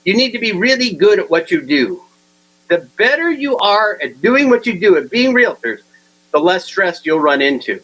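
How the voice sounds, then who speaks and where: A man giving a humorous keynote talk, telling funny anecdotes in an animated way and chuckling at his own stories. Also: high-pitched, normal speed, rough recording. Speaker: humor speaker. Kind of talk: comic keynote storytelling.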